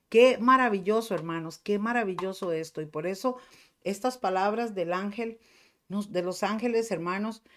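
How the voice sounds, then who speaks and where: A middle-aged woman pastor with a Costa Rican accent, preaching a fervent sermon to her congregation. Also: mid-range voice. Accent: Costa Rican Spanish. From Costa Rica.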